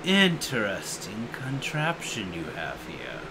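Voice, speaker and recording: A man voicing a huge, haughty male blue dragon with a deep, slow, menacing voice. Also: huge pitch swings, noisy background, exaggerated voice.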